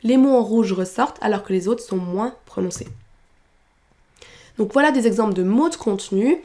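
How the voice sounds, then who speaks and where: A French-speaking woman teaching English pronunciation, explaining clearly and modeling English phrases slowly with strong stress. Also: mid-range voice, animated, dark tone. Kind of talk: French-language pronunciation lesson.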